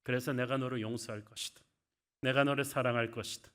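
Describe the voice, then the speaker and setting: A preacher voicing a gentle, forgiving man speaking tenderly to a friend who failed him. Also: mid-range voice, fairly even intonation, fast talker, natural voice. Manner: tender, consoling.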